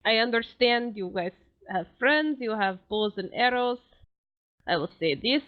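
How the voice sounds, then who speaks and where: A woman's voice: fairly high pitch, animated, measured pace, dry recording, narrow, tinny audio, voice pushed down. A woman voicing a suspicious, grandiose woman warrior in tabletop role-play, making paranoid declarations. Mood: commanding. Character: Mendora, a suspicious woman warrior hounded by squirrels.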